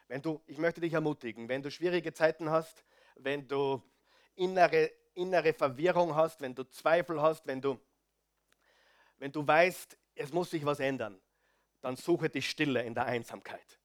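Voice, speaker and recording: A male preacher with a fairly high voice, reading scripture and then breaking off to speak straight to his congregation. He is animated, dropping to soft asides and then punching key words out loud. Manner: animated, addresses the audience directly; swings between soft asides and loud stresses. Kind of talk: sermon with Bible reading.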